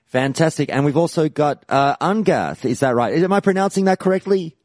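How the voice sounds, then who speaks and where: A man's voice: fairly high pitch, fairly quick, no echo, clean studio sound. A man hosting a podcast, introducing callers in an upbeat presenter manner. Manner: lively, upbeat presenter delivery. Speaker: podcast host.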